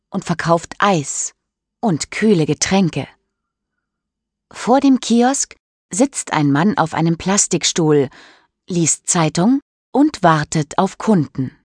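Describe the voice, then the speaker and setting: A woman reading a children's story aloud in a clear, careful way, lifting her voice for the characters' lines. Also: fairly low pitch, a little mellow, no room sound, studio quality. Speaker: audiobook reader. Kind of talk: scripted storybook narration.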